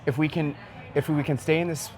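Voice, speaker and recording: A man's voice: a little high, steady tone, fairly quick, slight background noise. A man hosting a podcast, talking in a casual, enthusiastic, slangy way. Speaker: podcast host.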